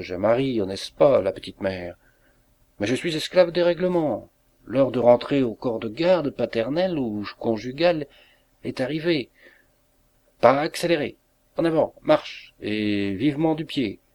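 A man's voice: mid-range voice, a little mellow. A man voicing a jovial, bossy patrol sergeant who jokes and barks orders, in a storybook reading. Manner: jocular, barking orders.

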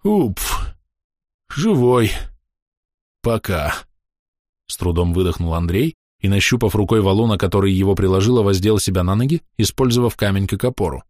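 A man reading a fantasy novel aloud as audiobook narrator, in a steady storytelling manner. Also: low voice, fast talker, few pauses, no room sound, studio quality. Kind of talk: scripted narration.

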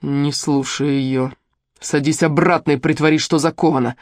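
Brief: narrator doing a stern protective young man, low clipped commands, dry close sound. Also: fairly even intonation, moderate pace, dry recording, natural voice.

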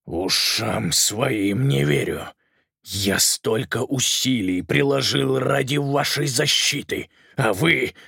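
A male reader voicing a hot-tempered, protective uncle who shouts in rage. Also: mid-range voice, takes it slowly, vocal fry, slightly rough, dry recording, studio quality, full character voice. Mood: furious.

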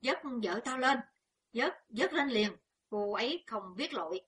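Woman putting on a rough bossy man, yelling, raised pitch, loud, storybook. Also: expressive, a little slow, exaggerated voice. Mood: frantic. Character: rough man shouting orders from a boat.

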